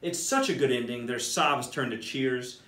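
A school principal, a man around his thirties or forties, reads a picture book aloud with expression and talks directly to children from a small indoor office. His voice is medium-pitched and fairly bright at a moderate pace. A camera a few feet away gives the recording a roomy echo and a distant-mic sound.

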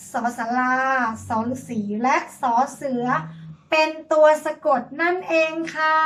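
A woman teacher leading a reading lesson for young children, spelling words out and praising her pupils gently. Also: sits high, low-quality recording.

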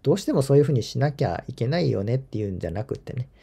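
A man with a gravelly, very dark voice and a husky edge talks in casual spoken commentary as a channel host. He rambles in a chatty way and chuckles at his own asides. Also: mid-range voice, very animated, rapid-fire. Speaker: golf channel host reading viewer comments.

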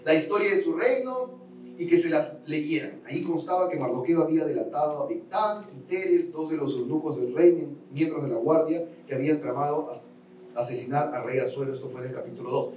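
High-voiced male pastor preaching, echoey church, mic a bit far, lots of repeating and questions to the crowd. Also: brisk, a little mellow, a little hiss or hum. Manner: storytelling, acts out voices of the king and Haman; emphatic repetition, rhetorical questions to the congregation. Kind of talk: sermon. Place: large church sanctuary. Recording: roomy church sound from a distance.

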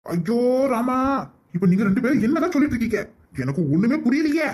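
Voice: mid-range voice, sing-song, fast talker, a little mellow, close to an everyday voice. A performer voicing an injured, baffled grown son in a cartoon comedy, complaining in a Kanyakumari Tamil accent. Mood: exasperated. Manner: exasperated, complaining.

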